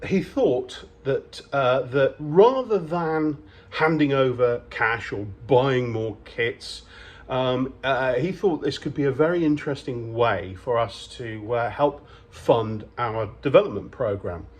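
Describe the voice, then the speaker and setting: A man's voice: mid-range voice, takes it slowly. A man giving a casual video update from his workbench on his model kits, talking hesitantly with many ums and restarts. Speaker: model kit maker. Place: workbench in a workshop.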